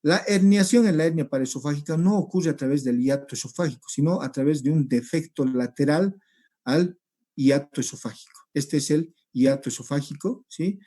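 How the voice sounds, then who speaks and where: Man teaching over slides, mellow. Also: a little high, normal speed. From Peru. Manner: explanatory, repeats points, checks with rhetorical "¿sí?". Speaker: medical lecturer. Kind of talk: recorded slide lecture.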